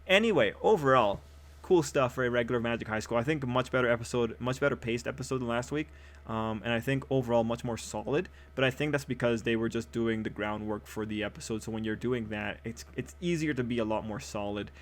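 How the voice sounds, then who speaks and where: A man giving a casual, upbeat episode review, rambling with fillers and restarts, his voice a little hoarse as he is losing it. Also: medium pitch, fast talker. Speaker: anime reviewer.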